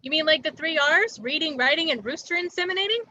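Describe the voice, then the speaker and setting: Lady reading a sweet clueless farm-town gal, high bright voice, dull dry mic. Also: quick pace, no echo. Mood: earnest. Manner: earnest, guileless. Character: naive, sweet small-town woman. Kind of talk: amateur sitcom table read.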